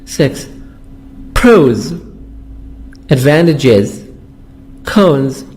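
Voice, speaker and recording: A man's voice: mid-range voice, very animated, very slow, a little mellow. A man whose first language is Arabic, teaching English vocabulary and repeating words to drill their pronunciation. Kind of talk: vocabulary lesson explanation.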